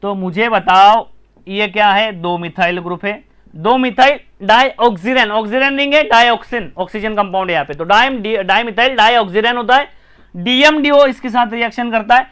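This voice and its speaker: A chemistry teacher with an Indian accent runs a live online lesson in a very high, smooth, clear voice with a fairly bright tone. He talks briskly, repeats key terms again and again, and keeps nudging viewers to comment and share.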